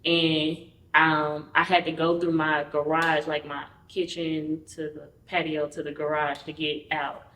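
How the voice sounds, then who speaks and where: A woman's voice: low-pitched, flat delivery, a little slow, a bit bright, a little hiss or hum. Woman telling her story, roomy distant sound. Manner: frank, acts out quoted dialogue while recounting. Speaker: podcast guest. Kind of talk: candid personal storytelling.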